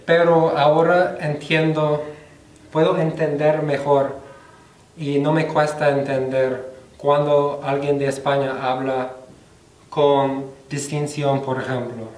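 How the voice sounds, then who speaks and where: Young male student, slowish careful delivery, fairly high voice, echoey room, mic at a distance. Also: flat delivery, a little mellow. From United States. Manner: slow, careful learner's delivery with pauses. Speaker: student presenter. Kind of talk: class presentation on Spanish slang. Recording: roomy echo, voice from off the mic.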